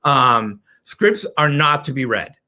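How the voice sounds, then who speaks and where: A middle-aged man teaching a sales webinar, animated and playful, slipping into quick mock caller voices as he explains. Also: mid-range voice. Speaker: sales trainer.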